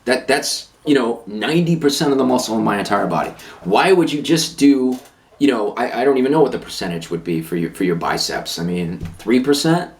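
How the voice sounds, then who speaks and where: A man's voice: medium pitch, animated, fairly quick. A man on a fitness channel, ranting to camera, blunt and emphatic, who hammers his points home by repeating them. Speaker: fitness vlogger.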